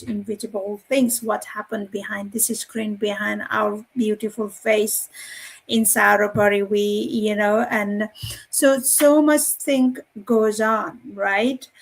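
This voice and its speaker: Nepali-accented woman, halting and earnest. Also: fairly high pitch, gravelly. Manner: halting, many fillers and restarts, non-native phrasing. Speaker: panel guest. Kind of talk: live online panel chat.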